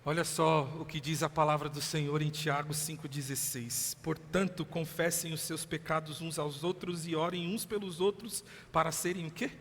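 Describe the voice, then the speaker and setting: A male Brazilian pastor giving a lively sermon, acting out voices with laughing asides. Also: on the high side, normal speed, few pauses, a little hiss or hum. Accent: Brazilian Portuguese. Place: church hall. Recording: long hall reverb.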